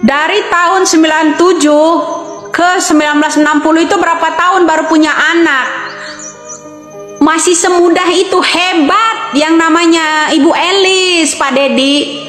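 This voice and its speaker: Insistent high-voiced woman in her fifties. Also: steady tone, normal speed, fairly bright tone, soft background music. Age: 50s. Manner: insistent, repeats rhetorical questions. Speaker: online commentator. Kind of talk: impassioned monologue to camera. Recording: echoey reverberant room.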